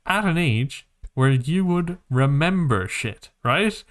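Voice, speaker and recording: A man with a fairly high, animated voice speaks slowly as he co-hosts a podcast. The talk is a casual chat about movies and games, and he rambles, stresses his points and swears.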